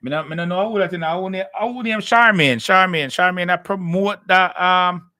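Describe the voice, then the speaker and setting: Lively bright Jamaican man hosting. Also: sits high, moderate pace, no room sound, clean studio sound. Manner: animated, repeats words while restarting. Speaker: live podcast host. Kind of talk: casual live-stream chat.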